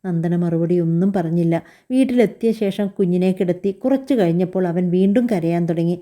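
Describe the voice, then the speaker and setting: A woman narrating a family story in an even, measured, scripted reading. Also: on the low side.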